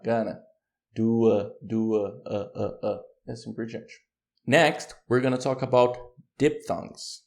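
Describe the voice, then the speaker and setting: A man with a Brazilian Portuguese accent teaching English pronunciation, patiently explaining and repeating words slowly. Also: mid-range voice, creaky, darkish tone. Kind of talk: online pronunciation lesson.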